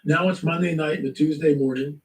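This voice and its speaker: A man telling a spiritual testimony in lively storytelling, acting out the voices in his story. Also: on the high side, a little fast, echoey room, distant mic, rough recording. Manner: animated storytelling, acts out quotes. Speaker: guest. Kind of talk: testimony in a talk show.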